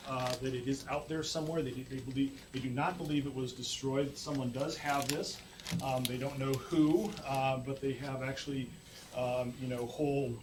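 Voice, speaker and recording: A man giving a public university lecture to an audience, halting with many fillers and restarts. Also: mid-range voice. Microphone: room mic far from speaker. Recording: distant mic, faint room noise.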